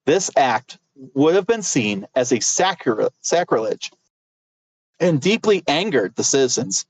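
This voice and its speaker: Lively, joking male podcast co-host. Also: mid-range voice, unhurried, dry recording. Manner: playful, joking storyteller. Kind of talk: casual history podcast chat.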